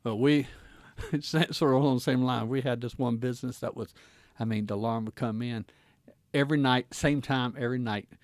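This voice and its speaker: Guest-hosting a casual interview, a former law enforcement officer, a middle-aged American man, questions his guest in a folksy, colloquial way. His mid-range voice holds a steady tone at normal speed, recorded very dry and close without any room sound.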